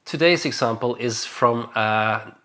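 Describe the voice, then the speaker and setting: Young man, from Denmark, casual vlog chat, relaxed, hesitant, fillers, middle pitch. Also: measured pace. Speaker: vlogger.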